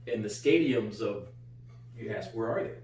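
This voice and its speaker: A middle-aged American man co-hosts a casual chat from a couch in a small living room, a father who repeats phrases for emphasis. His voice is fairly low and darkish, with lively intonation at a normal speed. He sits far from the mic, so the recording sounds roomy with a faint hum.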